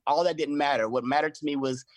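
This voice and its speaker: A middle-aged man in casual conversation, an animated storyteller who acts out his own quoted lines. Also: a little high, fast, no room sound. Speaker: choreographer and podcast guest.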